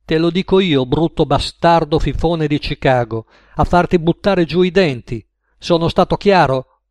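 A man's voice: fairly high pitch, animated, normal speed, dry recording. Man doing a snarling, furious old prizefighter. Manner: snarling, shouting insults. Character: belligerent small ex-boxer man, touchy and menacing.

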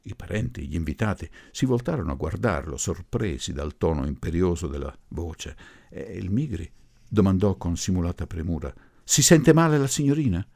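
A man reading a literary story aloud, narrating in an expressive, measured way. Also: low-pitched, creaky. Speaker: audiobook narrator.

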